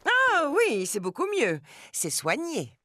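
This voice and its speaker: A woman playing a cheeky, sharp-tongued female puppet sidekick in a children's educational show, firing off quick retorts. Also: sits high, huge pitch swings, full character voice. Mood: sassy.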